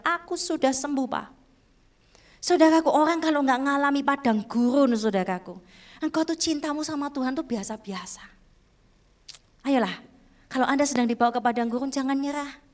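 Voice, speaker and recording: A woman preaching a sermon, telling a moving testimony and calling out to her listeners, shifting from loud emphatic lines to soft hushed ones. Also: sits high. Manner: emotional storytelling, repeatedly addressing listeners as "saudaraku".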